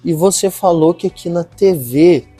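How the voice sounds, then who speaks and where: Interviewer, man, Minas Gerais accent, mellow and slightly husky. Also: a little high, normal speed, dry recording, soft background music. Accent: Minas Gerais Portuguese. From southern Minas Gerais, Brazil. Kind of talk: interview questions.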